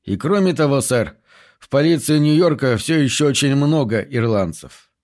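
A man's voice: medium pitch, expressive, moderate pace, darkish tone, natural voice. A man voicing a stubborn New York police officer who answers his captain in a terse, guarded way. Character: stubborn Irish-born New York cop, male.

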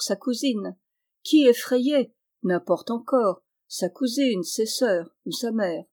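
A woman narrating a classic novel as an audiobook reader, with an even, measured reading. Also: mid-range voice.

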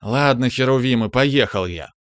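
A man reading an audiobook, voicing a loud, boisterous young man who jokes around. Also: mid-range voice, normal speed, smooth, dry recording, clean studio sound, lightly acted. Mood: mock-mournful. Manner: loud and joking.

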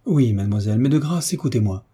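A man's voice: mid-range voice, lively intonation, fast, dark tone, breathy edge. A man voicing an earnest, respectful young nobleman who pleads in an audiobook. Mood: pleading.

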